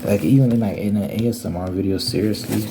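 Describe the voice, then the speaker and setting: A man's voice: lowish voice, fairly even intonation, quick pace. A young man rambling casually in an ASMR video, talking in an informal, slangy, complaining way. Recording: noisy recording with clicking sounds.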